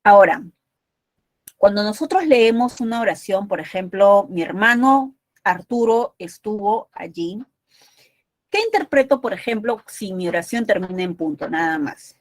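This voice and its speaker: A woman's voice: mid-range voice, lively intonation, moderate pace, no room sound. A woman teaching a university entrance exam prep class, explaining patiently and often checking in with short tag questions.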